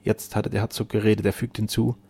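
A male audiobook narrator with a low, gravelly voice. He reads the novel in measured storytelling, with a husky rasp under it. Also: flat delivery, a little mellow. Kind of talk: novel reading.

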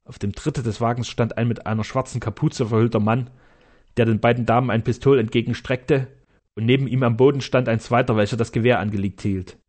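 A man narrating a classic adventure novel in a measured, steady storytelling manner. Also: medium pitch. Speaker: audiobook narrator. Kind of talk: scripted narration.

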